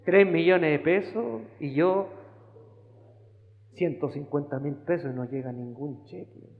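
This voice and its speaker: A man with a Chilean accent, a pastor preaching a sermon and telling his own story with lively acted-out voices. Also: fairly high pitch, a little slow, a little hiss or hum. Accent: Chilean Spanish. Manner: animated storyteller acting out voices. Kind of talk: sermon testimony. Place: church sanctuary. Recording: phone-like band with long hall reverb.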